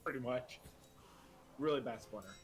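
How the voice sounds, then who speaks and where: A man running a tabletop game as game master over an online call, relaxed and quick to laugh. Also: medium pitch. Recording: noisy background hiss.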